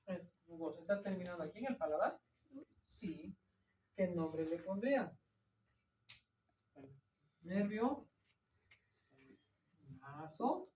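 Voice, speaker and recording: Drawing on the board as he goes, an anatomy instructor quizzes his class and supplies the answers himself. His mid-range voice has a darkish tone; recorded from afar in an echoey room, the audio is dull and lo-fi, with a little hiss or hum.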